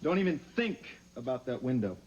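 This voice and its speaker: A man's voice: medium pitch, very animated, brisk, natural voice. A man playing a teasing, cocky kidnapper. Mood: smug. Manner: sarcastic, mocking. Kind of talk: 1990 TV soap acting. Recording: dull lo-fi TV audio with faint hiss.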